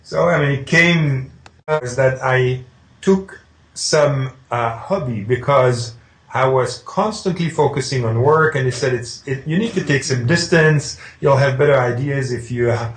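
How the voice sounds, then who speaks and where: A man's voice: medium pitch, unhurried. A middle-aged man from Switzerland, a painter being interviewed, telling his story with hesitations and restarts. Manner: hesitant, with restarts, recounting calmly. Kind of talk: conversational interview. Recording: echoey room.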